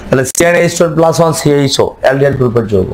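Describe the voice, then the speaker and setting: A man's voice: mid-range voice, animated, rapid-fire, poor audio. This is a man in the middle of a classroom lecture, teaching chemistry in a mid-range voice. He keeps quizzing his students, asking the same question twice before answering it. Faint background noise sits under the recording.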